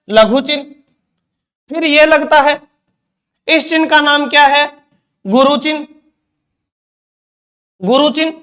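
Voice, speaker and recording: In an exam-prep lecture on Hindi grammar, a man with a very high-pitched, slightly bright voice poses questions and answers them himself. He keeps repeating the key terms.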